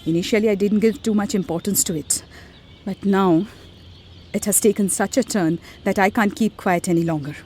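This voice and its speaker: An actress playing a haughty, scornful, middle-aged wealthy matriarch in a radio drama. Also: female voice, mid-range voice, normal speed, a little mellow, slight background noise, close to an everyday voice. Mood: stern, ashamed. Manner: imperious, scornful, commanding. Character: haughty, threatening wealthy family matriarch, mother of grown son.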